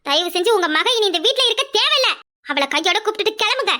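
A woman's voice: very high-pitched, lively intonation, quick pace, bright, forceful tone, full character voice. A woman voicing a proud, stern middle-aged mother-in-law who speaks in a cold, accusing way, with a Kanyakumari Tamil accent.

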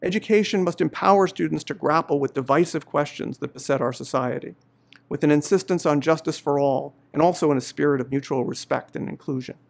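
A middle-aged man, a law professor, giving a measured, earnest commencement address on behalf of the faculty. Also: fairly high pitch, creaky. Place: indoor studio before a university banner.

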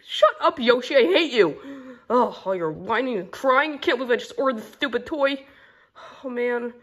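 A woman's voice: a little high, normal speed, a bit bright. A woman voicing Sylvester, a stingy male caretaker in a plush toy video, who grumbles and stammers a lot. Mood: grumbling.

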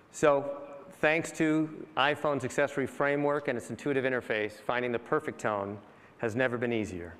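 A man of medium pitch walks through a rehearsed product demo at a steady pace. His voice rings with the long reverb of a large conference hall. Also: smooth. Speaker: guest presenter.

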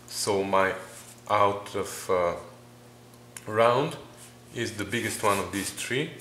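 A home mechanic with a low, slightly bright voice walks through engine measurements in a workshop tutorial, handling the numbers methodically amid pauses and fillers. Faint garage noise lingers in the background.

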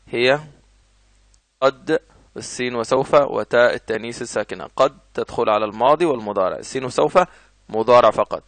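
A man's voice: medium pitch, a bit bright, no echo. A man with an Egyptian Arabic accent teaching grammar, repeating each example and answering his own questions. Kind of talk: explanatory lesson.

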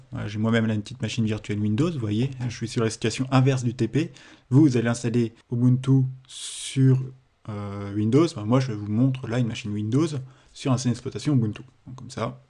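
A man's voice: medium pitch, mellow. A man with a French accent, explaining a computing exercise in a screen-recorded tutorial, with hesitations and self-corrections. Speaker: teacher.

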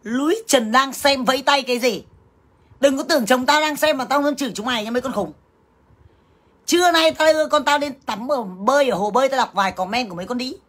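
A woman's voice: high-pitched, a little fast, fairly bright tone. A woman ranting crudely to her livestream viewers, cursing and scolding in a blunt, combative way. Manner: talks straight to viewers as sisters. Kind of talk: angry livestream rant.

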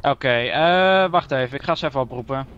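A man voicing a calm male police officer in game role-play, soothing and a little hesitant, with a Dutch accent. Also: mid-range voice, a little fast, clean tone, dull audio, close to an everyday voice. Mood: polite. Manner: calming, hesitant.

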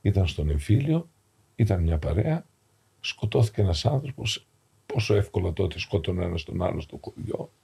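A middle-aged man, an Orthodox priest, telling a moving story as a guest on a podcast, acting out the dialogue and sinking to hushed tones. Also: sits low, very animated, gravelly, husky. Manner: acts out dialogue in shifting voices, drops to hushed tones. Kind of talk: emotional storytelling in a podcast interview. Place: podcast studio, seated on a sofa.

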